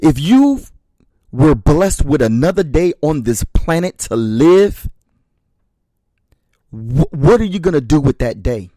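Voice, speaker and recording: A man's voice: fairly high pitch, sing-song, takes it slowly, long pauses, warm tone. A man delivers a motivational speech in a slightly raised voice, taking his time over each phrase. He leans hard on short repeated refrains and calls his listeners brothers and sisters. The recording is dry, with no room echo. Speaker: motivational speaker.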